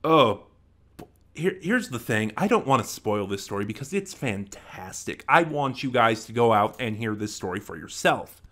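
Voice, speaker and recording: In his twenties, this audio drama reviewer speaks unscripted to camera in a bright, forceful, mid-pitched voice with lively intonation at a normal speed. He pauses to think aloud and frequently corrects himself. He records in a small room at home, close to a desk microphone in front of him.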